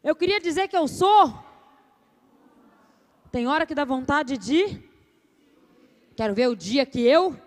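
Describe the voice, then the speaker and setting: A woman's voice: high-pitched, expressive, slow, pauses often. A woman voicing an exasperated mother at her limit, nagging and scolding her child in a rising voice.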